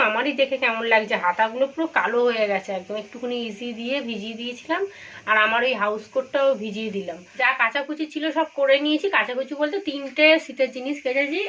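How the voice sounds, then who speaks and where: Chatty hoarse Bengali woman vlogger. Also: high voice, pushed and bright, dull audio, slight background noise. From India. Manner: chatty, confiding, addressing viewers directly. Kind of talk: casual home vlog narration. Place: home kitchen indoors.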